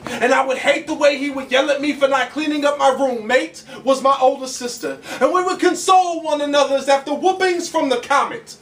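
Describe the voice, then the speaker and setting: High-voiced man performing spoken word poetry. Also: a bit bright, a little hiss or hum. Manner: rhythmic, emphatic delivery with big arm gestures. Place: small basement bar stage. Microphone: stand mic, far camera. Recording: roomy echo from far off.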